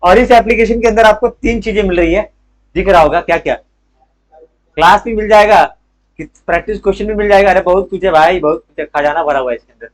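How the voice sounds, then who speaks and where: A young male teacher with a high voice runs a lively commerce lesson. He fires quick questions at the class and answers them himself, dropping English terms into his talk. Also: low-quality recording. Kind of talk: live class lecture.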